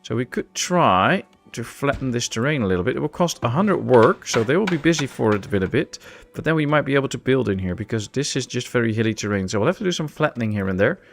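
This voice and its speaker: Gravelly-voiced man narrating gameplay. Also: mid-range voice, animated, fast talker, few pauses, faint music behind. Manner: thinks aloud, plans step by step. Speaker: let's play host. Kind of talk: casual gameplay commentary.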